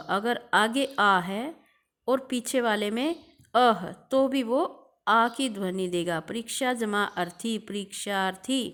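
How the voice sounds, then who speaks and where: Woman teacher going slowly through grammar examples, drags out the sounds, repeats herself. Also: mid-range voice, a bit bright. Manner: slow, drawn-out examples, repeating terms. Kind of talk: recorded classroom lesson.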